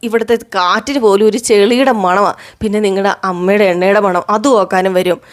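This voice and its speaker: A woman's voice: mid-range voice, steady tone, fairly quick, lightly acted. A woman voicing a snobbish middle-aged woman who sneers at her surroundings and schemes for money. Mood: haughty.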